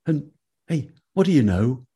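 Man doing tired ancient ferryman, wry, husky, slow drawl, folk tale. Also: on the high side, big pitch swings, dark tone, heavily acted. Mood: wry weary. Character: weary ancient ferryman stuck at his oar.

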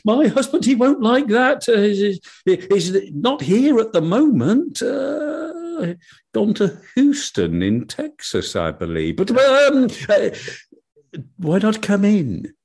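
A man voicing the devil's flirtatious wife in a told folk tale, with a husky voice. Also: sits high, sing-song, slow, darkish tone, pitched above the performer's own voice, heavily acted. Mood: coy flirting. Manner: coy, flirtatious, hesitant.

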